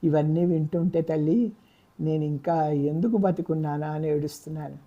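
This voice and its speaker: A woman reading a novel aloud, voicing a guilt-ridden older father who speaks softly and apologetically. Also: low-pitched, steady tone, moderate pace, lo-fi sound. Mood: remorseful. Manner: soft, apologetic. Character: remorseful helpless older father.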